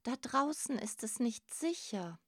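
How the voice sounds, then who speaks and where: A woman's voice: a little high, expressive, unhurried, no room sound, clean studio sound. A woman voicing a cautious group of older crabs who warn insistently, in a storybook. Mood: pleading. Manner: warning, insistent.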